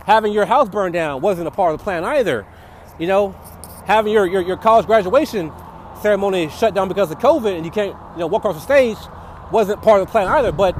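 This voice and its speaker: A man speaks casually to his listeners from a busy city street, raising his voice over wind and traffic. His delivery is halting, with words and phrases often doubled as he reflects. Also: sits high. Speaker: podcaster sharing personal faith encouragement. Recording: noisy outdoor audio with wind and traffic.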